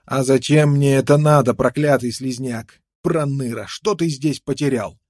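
A man's voice: mid-range voice, moderate pace, warm tone, dry recording, clean studio sound, close to an everyday voice. A man voicing a menacing, contemptuous young frontiersman with a knife, snarling threats in an audiobook. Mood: threatening.

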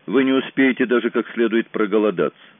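A jittery, grim kidnapper speaks in a low, weary, resigned voice, as an audiobook narrator reads him. The sound is tinny and phone-like. The room is dry and close. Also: male voice, fast, no echo, lightly acted. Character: nervous male kidnapper, shaky and grim.

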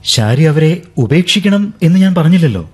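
Faint music plays beneath this old radio broadcast of a 1970s drama, where the lead actor portrays a young man pleading for the woman he loves to leave with him. His voice is a little high and mellow with a breathy edge, swinging widely in pitch at normal speed, earnest and pleading.

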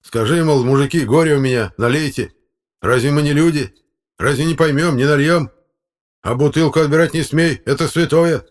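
A man voicing a brash, tipsy older village electrician who talks back defiantly and shouts. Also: mid-range voice, a little fast, voice pushed up, natural voice.

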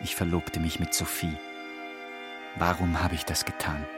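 A man's voice: sits low, little pitch movement, normal speed, over music, lightly acted. An actor playing a proud, brooding deposed king in a theatrical, declamatory radio drama style. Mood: bitter. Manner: grandiose, declamatory.

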